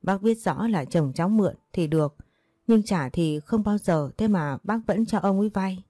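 A woman's voice: medium pitch, normal speed, dark tone, no room sound, natural voice. A woman doing a distraught poor village wife. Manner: pleading, lamenting.

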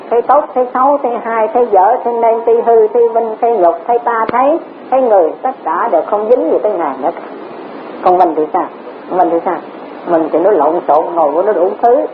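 Teacher on a tinny tape. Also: female voice, mid-range voice. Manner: repetitive, rhetorical questions, chuckles often. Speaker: Buddhist Dharma teacher. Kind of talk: Dharma talk. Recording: tinny lo-fi recording with faint hiss.

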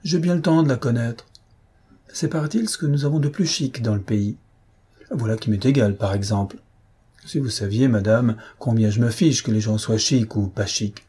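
A man voicing a lively, candid young wife in a read-aloud novel, raising his voice for her. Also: medium pitch, moderate pace, husky, close to an everyday voice. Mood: earnest.

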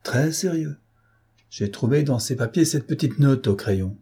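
A man voicing a loyal hotel boy who serves as a henchman in an audiobook, reporting briskly and dutifully. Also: medium pitch, animated, warm tone, slightly rough, voice pushed up. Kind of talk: audiobook character voice.

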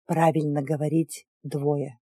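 Calm, gently teasing alien fiancé played by a woman, lowered voice, warm dark tone, storybook. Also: slow, breathy edge, dry recording, clean studio sound, exaggerated voice. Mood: gentle.

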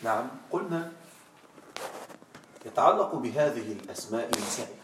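A man teaching an Arabic grammar lesson in a classroom, quizzing his students with questions and stretching out words slowly for emphasis. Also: mid-range voice, animated, noisy background. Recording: echoey room, from far off.

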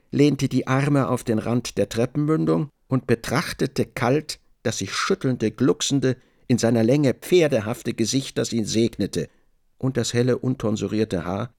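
Measured male radio drama narrator. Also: medium pitch, gravelly, a little mellow, no echo, clean studio sound. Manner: measured, descriptive reading. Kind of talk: scripted literary narration.

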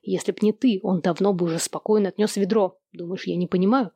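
A woman voicing a domineering middle-aged father in an audiobook, who speaks slowly and harshly. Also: medium pitch, fairly even intonation, gravelly, mellow, slightly rough, dry recording. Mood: furious. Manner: slow, lecturing, harsh.

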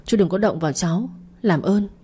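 A woman's voice: fairly low pitch, brisk, warm tone, husky. A woman voicing a frightened, polite teenage schoolgirl who pleads. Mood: pleading.

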